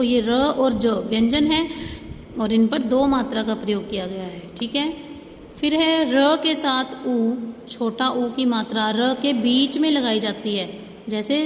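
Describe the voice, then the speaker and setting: A fairly high-voiced woman teaches young pupils, explaining each rule patiently and drawing out the example words slowly. Her voice rings around a hard-walled room with a long reverb tail, and a faint hum of ambience sits underneath. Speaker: school teacher. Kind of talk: Hindi grammar lesson for children.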